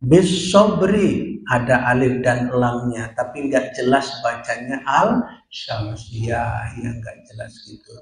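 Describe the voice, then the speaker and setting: A man's voice: medium pitch, slow, a little hiss or hum. A man teaching Quran recitation rules, explaining step by step and sounding out syllables for his class. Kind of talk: tajwid lesson at a prayer hall. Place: small prayer room. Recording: echoey prayer room.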